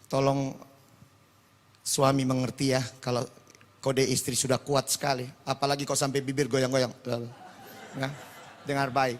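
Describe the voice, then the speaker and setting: A man preaching a sermon, moving between shouted proclamation and quiet personal storytelling. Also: mid-range voice, completely flat delivery, a little slow, long pauses.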